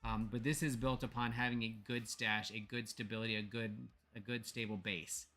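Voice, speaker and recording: A man's voice: on the low side, flat delivery, normal speed, bright, forceful tone, soft background music. A man with an American accent, co-hosting a casual livestream and reading tarot cards aloud, playful, with frequent ums. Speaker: podcast co-host reading tarot.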